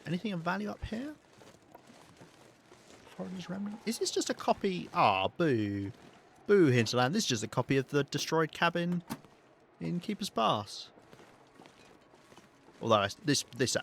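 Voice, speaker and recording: A man's voice: fairly high pitch, animated, moderate pace, creaky, pauses often, a bit bright, a little hiss or hum. Wry southern English man streaming a game. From south of England. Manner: chatty and wry, swears, laughs often. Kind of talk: casual live gameplay commentary.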